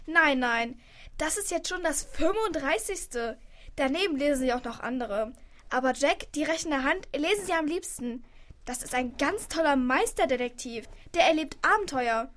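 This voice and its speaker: A woman's voice: high-pitched, lively intonation, moderate pace, a bit bright. A woman narrating a children's radio play, chatting to the listeners in a confiding way.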